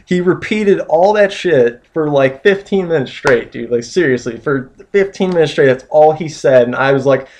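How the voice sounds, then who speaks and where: A man's voice: mid-range voice, normal speed, few pauses, slight background noise. Rambling young man telling a story. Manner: rambling, full of "you know" and "like". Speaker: vlogger. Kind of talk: casual storytelling.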